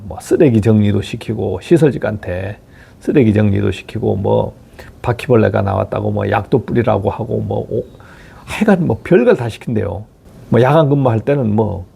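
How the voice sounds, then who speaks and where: A man's voice: on the low side, creaky, mellow, breathy edge. A middle-aged man who manages building facilities, giving blunt career advice to viewers with rhetorical questions and frequent swearing. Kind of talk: motivational talk to viewers.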